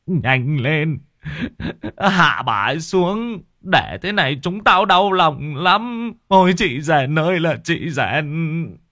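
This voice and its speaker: A man voicing an old villager who laments a dead neighbor in a raised, drawn-out voice. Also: a little high, animated, sharp tone, no room sound, clean studio sound, voice pushed up, full character voice. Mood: grieving.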